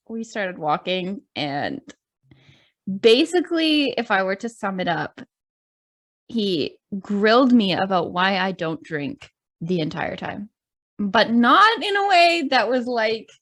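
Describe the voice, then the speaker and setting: A young woman from Canada telling a story in casual chat, animated, acting out what people said and laughing often. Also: medium pitch. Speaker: podcast guest.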